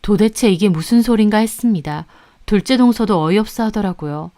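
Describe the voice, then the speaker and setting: A woman narrating a family story in the first person, calm and confiding. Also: mid-range voice, brisk.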